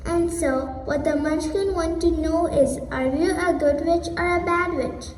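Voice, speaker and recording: A young woman in a school play voicing a kindly good witch, gentle and a little muddled, with a reassuring way of speaking. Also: very high voice, steady tone, measured pace, a little hiss or hum. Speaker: school skit actor. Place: school stage. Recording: echoey hall from far off.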